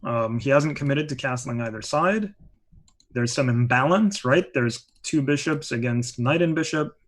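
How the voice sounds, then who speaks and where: Casting: male chess commentator, mid-pitched, chatty and explanatory. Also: moderate pace. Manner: chatty, explains moves with many asides.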